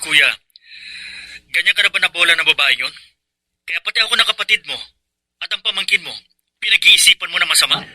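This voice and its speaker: An actor playing Miguel, a loyal younger brother who speaks earnestly and pleadingly, in a radio drama. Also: male voice, high-pitched, fairly quick, pauses often, bright, forceful tone, dry recording.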